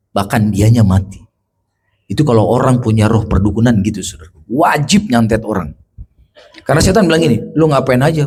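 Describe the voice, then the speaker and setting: A male pastor delivering an animated sermon, speaking straight to the congregation. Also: on the high side, slightly rough. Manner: animated preaching, addressing the congregation directly.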